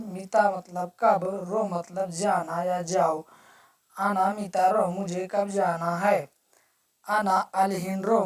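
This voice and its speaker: A woman teaching a language lesson, saying each phrase, then explaining it word by word and repeating it. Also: on the low side. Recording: voice distant from the mic.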